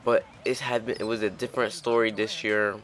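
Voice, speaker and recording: Man, very low pitch, bright edge, casual rambling gameplay chat. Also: little pitch movement, a little fast. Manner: rambling, chatty, with frequent restarts. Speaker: gaming channel host.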